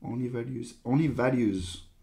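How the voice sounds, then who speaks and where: Homme, animateur de live coding, pense à voix haute, hésitant, voix moyenne, frappe au clavier en fond. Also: male voice, medium pitch, measured pace, creaky, warm tone. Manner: thinking aloud, hesitant, trailing off.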